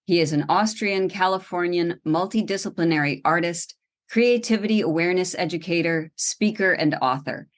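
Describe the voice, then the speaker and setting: A woman with a very low speaking voice hosts a podcast interview. She asks her questions in a calm, measured way. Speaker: podcast host and therapist.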